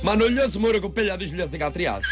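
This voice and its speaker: A man's voice: high voice, expressive, over music. A man voicing a boastful singer, half singing his lines. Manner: half-sung folk boasting.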